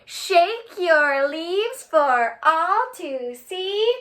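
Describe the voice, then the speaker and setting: A children's librarian reads aloud at storytime, singing along and exaggerating her delivery for young listeners. Her voice is very high and fairly bright, sing-song and extremely slow.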